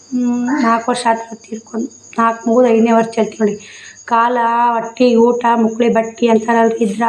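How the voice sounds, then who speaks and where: A woman's voice: on the high side, a little mellow, reverberant, rough recording. A woman, talking plainly to her viewers in a casual daily-life vlog from her village home, repeating herself often. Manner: plain, repetitive, addresses viewers as friends. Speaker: vlogger.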